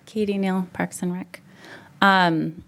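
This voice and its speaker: A woman's voice: fairly low pitch, fairly even intonation, slow, vocal fry, fairly bright tone. A woman representing parks and recreation, speaking at a town board meeting in a hesitant way with many "um" fillers.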